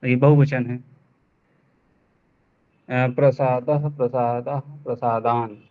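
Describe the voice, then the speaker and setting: A man's voice: mid-range voice, fairly even intonation. Hesitant man student over a tinny line. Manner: hesitant, halting, repeats words. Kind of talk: reciting answers in an online class. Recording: tinny phone-like call audio.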